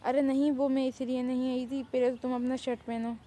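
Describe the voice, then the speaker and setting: A woman's voice: high-pitched, level tone, fairly quick, mellow, lightly acted. A woman voicing a cheeky, boastful young woman who loves to pester everyone. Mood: teasing. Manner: brash, teasing, boastful.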